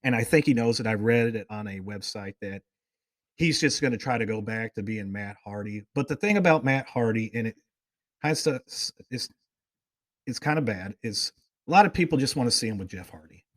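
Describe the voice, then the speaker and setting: A man's voice: on the low side, lively intonation, normal speed, no echo, clean studio sound. A man hosting a casual talk show, telling rambling, enthusiastic fan stories with plenty of tangents. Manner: rambling storyteller, goes off on tangents. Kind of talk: casual chat.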